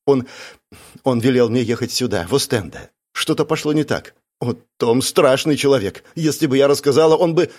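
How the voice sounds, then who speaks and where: A man's voice: medium pitch, moderate pace, a little mellow, voice pushed up, lightly acted. A man doing a tearful, frightened young woman. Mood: pleading. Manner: pleading, breathless swearing.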